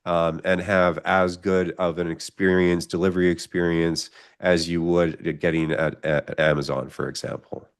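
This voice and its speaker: A man, a company CEO speaking on a webinar panel over a video call, relaxed and quick to laugh. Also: low-pitched, clean tone. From Canada.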